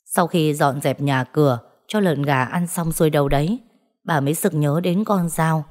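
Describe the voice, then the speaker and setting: A woman narrating a ghost story in a steady storytelling manner. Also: low voice, moderate pace. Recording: faint background music.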